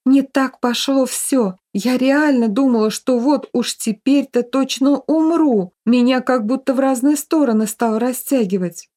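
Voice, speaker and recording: A woman's voice: measured pace, few pauses, warm tone. A woman voicing the ghost of a young woman who cries out in panic and answers sarcastically. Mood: indignant. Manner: high frantic cries and sarcastic jabs.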